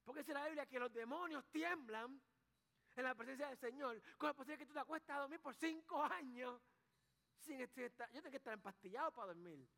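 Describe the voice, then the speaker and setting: A man's voice: very high voice, brisk, sharp tone, long reverb tail. A man preaching a sermon as pastor, mixing folksy sayings with rising emphasis.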